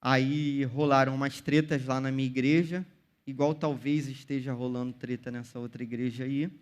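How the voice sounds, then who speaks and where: A man's voice: mid-range voice, steady tone, moderate pace. A young man with a Brazilian Portuguese accent preaching a casual youth sermon, full of slang and direct address to the listeners. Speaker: youth pastor.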